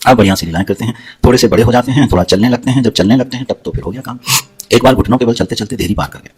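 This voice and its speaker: A man giving a devotional sermon. He tells scripture stories in a fast, animated way and chants Sanskrit verses. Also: mid-range voice, breathy edge. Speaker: preacher telling scripture stories.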